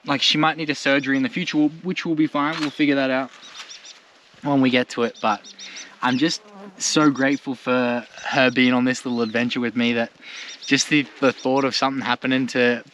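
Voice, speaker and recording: A medium-pitched Australian man with a level, fairly bright delivery talks a little fast as he casually rambles to camera, slang and all, for his travel vlog. He's outside at a bush campsite in the countryside, and the noisy recording picks up birds and ambient sound.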